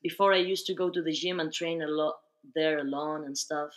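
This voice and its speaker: A young woman talks easily as a podcast guest. Her speech is loose and chatty, full of fillers, at a middle pitch. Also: fairly even intonation, fairly quick. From Spain. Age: young adult. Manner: chatty, fillers like "like" and "you know". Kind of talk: casual interview.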